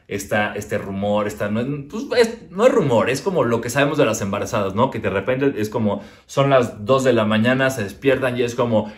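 A young Mexican man doing stand-up comedy from his living room, crude and self-mocking, arguing back and forth with himself. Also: fairly low pitch.

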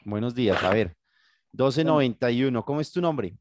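A Colombian man teaches an English lesson over a video call, patiently guiding his students and checking in with them again and again. His voice sits at a middling pitch. The sound is close and dry, with no room around it. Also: expressive, normal speed, darkish tone, no echo. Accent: Colombian Spanish. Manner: patient, guiding, asks "¿sí?" often. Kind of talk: online class, bilingual instruction. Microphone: computer mic on video call.

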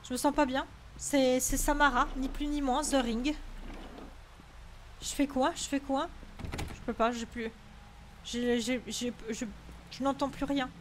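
High-pitched woman, jumpy horror-game streamer, tense and cursing, noise under the voice. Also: little pitch movement, unhurried, long pauses. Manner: jumpy, swearing then apologizing. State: frightened, tense. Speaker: gaming streamer. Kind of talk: horror game let's play.

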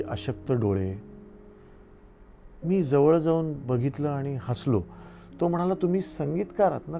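A middle-aged man from India reads his own essays in a slow, reflective storytelling manner. His voice is gravelly and dark, with soft guitar playing faintly behind him. Pauses sit between his phrases. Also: medium pitch. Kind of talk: literary book reading.

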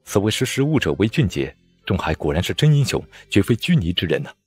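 A man's voice: low-pitched, very animated, fast, a little mellow, slightly rough, heavily acted. A man voicing a wry, sighing scholarly official who quotes classics.

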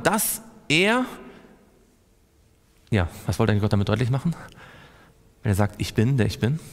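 A man's voice: mid-range voice, a bit bright. A man teaching a Bible study to a group, asking them questions and answering himself. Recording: long reverb in a hall.

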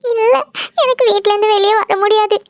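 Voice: very high-pitched, steady tone, brisk, no room sound, dull audio. A voice actor playing a tearful young woman in a cartoon, upset with her boyfriend on the phone. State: crying. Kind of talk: cartoon voice acting.

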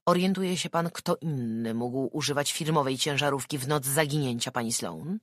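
A narrator reading an audiobook and voicing a calm detective asking even, probing questions. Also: mid-range voice, normal speed, no room sound, clean studio sound, close to an everyday voice. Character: calm, methodical police detective.

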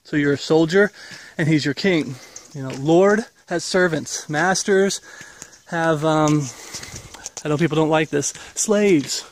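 A ministry leader in his forties, slightly high-voiced, walks an outdoor wooded path and talks unhurriedly into a handheld camera at arm's length. It's a loose, rambling walk-and-talk video update delivered in an earnest preaching tone as he recovers from an illness.

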